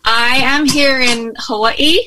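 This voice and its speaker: In a casual remote interview from her home in Hawaii, a young adult woman from Australia speaks in a high-pitched, steady voice, taking it slowly. Her Australian accent carries an American tinge, and she is open and friendly with frequent ums and restarts, against a noisy background.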